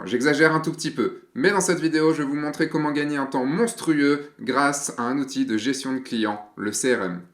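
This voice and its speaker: A man's voice: medium pitch, roomy sound. A man in his thirties hosting a casual explainer video for photographers, chatty, with lots of fillers and restarts.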